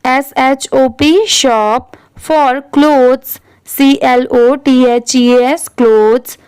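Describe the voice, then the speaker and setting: A woman gives a very slow English reading lesson, spelling each word letter by letter before saying it whole. Her high voice is fairly even, smooth and darkish in tone, with no echo.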